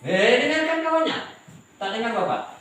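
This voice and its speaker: A male primary school teacher, patiently drilling pupils with repeated questions and chanting the recitation slowly. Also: very high-pitched, lively intonation. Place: large echoey classroom. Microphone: camera at a distance. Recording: echoey classroom from far off, faint noise.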